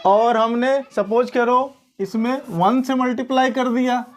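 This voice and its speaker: Woman maths teacher, slightly high voice, keeps checking the class follows. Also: fairly even intonation, a little slow. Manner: questioning, checks understanding often. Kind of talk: classroom-style maths lesson.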